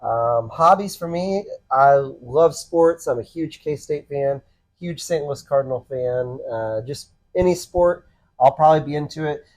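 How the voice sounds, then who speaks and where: A pastor in his thirties co-hosts a casual podcast, chatting in an easygoing, earnest way full of ums and restarts. His voice is fairly high and unhurried, and the audio quality is poor.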